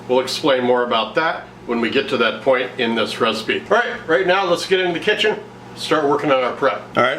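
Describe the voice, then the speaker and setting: Chef and cooking show host, this American man in his fifties talks through a recipe casually, narrating step by step in an explanatory, conversational way. His voice has an ordinary middle pitch and a fairly bright tone. He's recorded in a home kitchen, with clear noise and clatter behind him.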